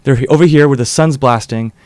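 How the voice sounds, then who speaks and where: A man's voice: medium pitch, quick pace, darkish tone, dry recording, studio quality. A man co-hosting a casual podcast, rambling loosely and swearing now and then. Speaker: podcast co-host. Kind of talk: casual chat.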